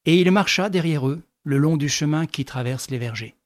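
Male audiobook narrator, measured and even; slightly high pitch, dry close recording. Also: dry recording.

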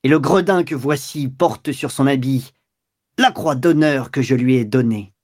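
A man's voice: mid-range voice, unhurried, a little mellow, close to an everyday voice. A man reading aloud, voicing a haughty government minister who stammers and then turns proud and indignant. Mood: cornered pride. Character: haughty male government minister caught in adultery.

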